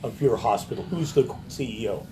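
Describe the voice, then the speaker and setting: A man's voice: medium pitch, a little fast, crowd noise. A man livestreaming from a hospital room on his phone, talking in a belligerent, profane way. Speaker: patient livestreaming from a hospital bed. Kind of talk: ranting livestream monologue. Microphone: phone held by the speaker.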